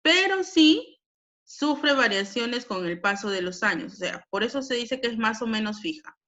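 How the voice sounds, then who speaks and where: A woman's voice: a little high, expressive, normal speed, a bit bright. A Peruvian woman teaching a language lesson, explaining patiently with frequent tag questions. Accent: Peruvian Spanish. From Peru.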